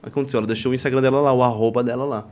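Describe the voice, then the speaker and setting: A Brazilian man chats casually on a podcast at a quick clip. He tells his stories in street slang and puts on little voices for the chat messages he reads out. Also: medium pitch, fairly even intonation, a little mellow. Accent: Brazilian Portuguese. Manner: fast slangy storytelling, acts out chat messages. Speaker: podcast host.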